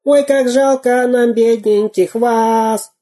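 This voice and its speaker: A man voicing a sly, scheming male robber with a squeaky voice in a storybook reading. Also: fairly even intonation, takes it slowly, warm tone.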